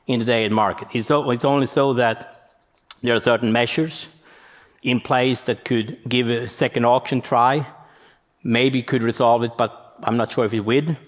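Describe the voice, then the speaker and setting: A man gives a conference presentation, explaining as he goes and thinking aloud. His voice sits at an ordinary middle pitch. The sound carries the long echo of a large hall. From Sweden. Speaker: conference speaker.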